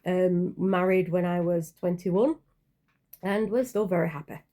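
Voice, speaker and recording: A woman's voice: on the low side, steady tone, measured pace, mellow. A woman in her forties chatting casually in a vlog, rambling and hesitant, with many fillers and self-corrections. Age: 40s. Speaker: channel creator.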